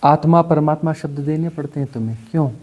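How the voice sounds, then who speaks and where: A man with a high, soft, mellow voice gives an unhurried spiritual discourse. He keeps throwing rhetorical questions at his listeners and now and then mockingly imitates moralizers. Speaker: spiritual teacher.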